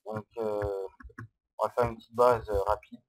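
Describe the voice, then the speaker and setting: A man giving casual, hesitant gameplay commentary, explaining step by step on a low-quality microphone. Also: flat delivery, normal speed, heavy background noise. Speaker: Minecraft let's-player.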